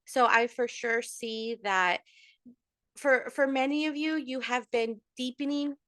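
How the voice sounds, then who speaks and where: Woman tarot reader, casual and chatty, slightly high voice, bright tone, dry close recording. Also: a little slow, dry recording. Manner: chatty, warm address with Spanish endearments and many fillers. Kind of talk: casual monthly tarot reading to followers.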